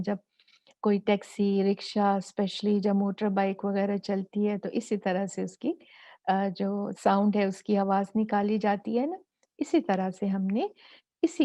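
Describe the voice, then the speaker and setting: A woman's voice: medium pitch, vocal fry, dark tone. A woman teaching a tajweed lesson step by step, patiently asking and answering her own questions and demonstrating sounds.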